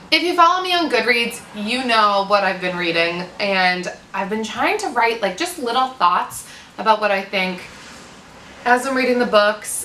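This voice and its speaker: A young American woman chatting casually as a book vlogger, with informal, animated asides. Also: on the high side. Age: young adult. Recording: roomy, distant mic, faint noise.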